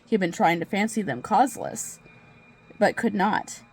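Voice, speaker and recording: A nervous, obsessive murderer tells a gothic horror tale, acted out by a woman in a medium-pitched voice. The delivery is hammy and theatrical, as on a stage, with words drawn out and repeated for gleeful, crazed emphasis. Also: animated, moderate pace, slightly rough, soft background music. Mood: brooding dread. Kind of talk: dramatic reading of a gothic horror story.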